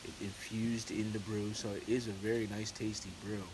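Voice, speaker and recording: A man with a voice on the low side and a flat delivery chats to his viewers at a normal pace, rambling, repeating himself, and hesitating like a home-brew vlogger. The recording is noisy and has clicks.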